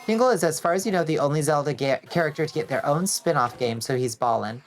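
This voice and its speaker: Gaming on stream, a woman vtuber from Georgia, US, speaks quickly in an extremely low, stuffy, nasal voice. She drifts from thought to thought, reacts to her chat, and swears casually while soft music plays in the background.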